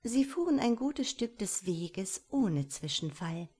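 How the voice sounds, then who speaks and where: A woman calmly reading a fairy tale aloud as narrator. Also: medium pitch, husky. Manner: calm, unhurried storytelling.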